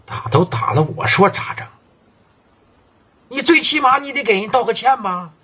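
A man with a Northeastern Mandarin accent voicing a stern, domineering middle-aged male gang boss who lectures loudly. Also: very high-pitched, expressive, moderate pace, husky, voice pushed up, exaggerated voice. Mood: scolding. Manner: scolding, raised and lecturing.

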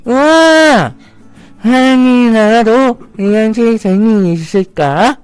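A woman's voice: medium pitch, lively intonation, slow, a little mellow, clean tone, dry recording, faint music behind. A woman playing an innocent, curious baby dragonfly in a children's shadow play, speaking with childlike wonder.

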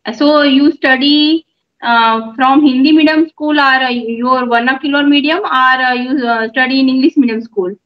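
Speaking from a room in her home over a phone video call, a middle-aged YouTube host and mother works on English conversation. The call audio is dull and lo-fi, and her high voice comes across as measured and encouraging, sprinkled with filler pauses.

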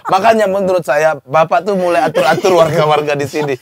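A man's voice: a little high, fast talker, crowd noise. A man in a comedic sketch, eagerly digging for gossip. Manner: nosy, gossip-hungry.

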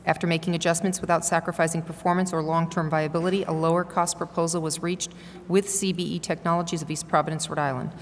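Low, flat-voiced woman in a hall. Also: quick pace. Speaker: town councilor. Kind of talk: reading meeting minutes aloud. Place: large indoor council chamber. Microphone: gooseneck desk microphone. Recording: echoey council chamber with noise.

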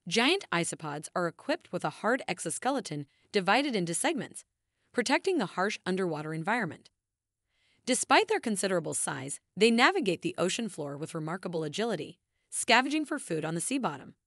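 A woman reading scripted nature documentary narration in a measured, formal, grandly emphatic way. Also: lowish voice, big pitch swings, no echo, studio quality.

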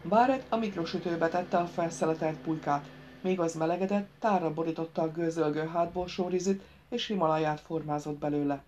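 A woman narrating an audiobook in an even, measured way. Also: low voice, muffled recording, a little hiss or hum. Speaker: audiobook reader.

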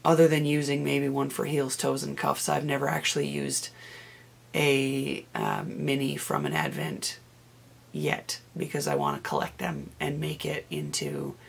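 A knitting vlogger, hoarse from a cold, chatting casually to camera in a rambling, self-correcting way. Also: mid-range voice, sing-song, unhurried.

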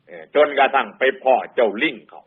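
A man with an Isan accent tells a moral folk tale to lay listeners, speaking as a Buddhist storyteller. His mid-range voice is animated, fairly quick and a bit breathy, and he talks colloquially, repeating phrases for emphasis. The sound has a phone-like quality.

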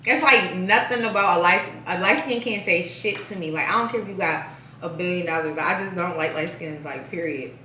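A woman's voice: on the low side, brisk, bright, forceful tone, slight background noise. Chatty young woman, talking while eating. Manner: chatty, heavy use of "like", talks while eating. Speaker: vlogger. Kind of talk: casual mukbang chat. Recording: echoey room, mic at a distance.

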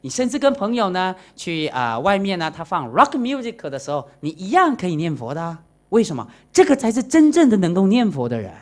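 A woman's voice: fairly low pitch, fairly quick, hardly any pauses. A Buddhist nun giving a dharma lecture to a live audience, asking her listeners questions and mixing in the odd English word. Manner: animated, acts out quoted voices and asks the audience questions; mixes in English words.

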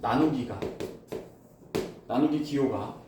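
A man teaching a classroom math lesson, explaining step by step and firing quick questions at his students. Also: medium pitch, noisy background. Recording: echoey room, voice from far off.

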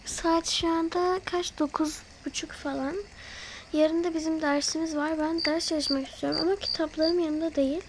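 A woman with a high voice hosts her channel, speaking directly to viewers as she voices a role-play over a mobile game, with background noise behind her. She's chatty and easily frightened, gasping and fretting as she goes.

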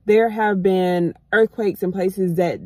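A woman's voice: medium pitch, steady tone, slow pace, mellow, dry recording. A woman in her thirties from the US, chatting casually to her viewers from a parked car, calling them y'all. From United States. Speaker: vlogger. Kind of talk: casual chat to camera. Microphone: phone camera on dashboard.

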